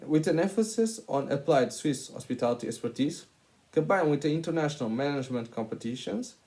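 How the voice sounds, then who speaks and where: A man's voice: fairly high pitch, expressive, fairly quick, mellow. A man in his twenties from Portugal with a Portuguese accent, giving a hesitant presentation full of filler sounds. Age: 20s. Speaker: hospitality master's student. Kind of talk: presentation to camera.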